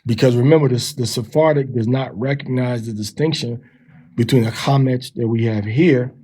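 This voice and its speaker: A man teaching from a text, sounding out syllables slowly and repeating them. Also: medium pitch, mellow, slightly rough, low-quality recording. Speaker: teacher of a language lesson.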